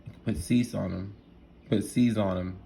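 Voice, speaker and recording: A man talking through an idea in a rambling, excitable monologue, full of restarts and asides, laughing at himself now and then. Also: on the low side, moderate pace, creaky, slight background noise. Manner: rambling, restarts often, lots of fillers and "right?". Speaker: solo vlogger.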